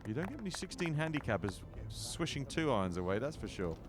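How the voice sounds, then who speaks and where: A man's voice: medium pitch, sing-song, fast. A man giving golf commentary in short, conversational shot-by-shot calls with wry asides.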